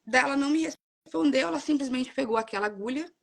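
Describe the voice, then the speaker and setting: A young woman tells a story in an earnest, emotional way. Her voice sits a little high and has a gravelly fry running through it, and she talks in a loose, casual conversational style. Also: fast talker. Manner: earnest, emotional retelling with many quoted exchanges. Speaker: guest sharing her birth story.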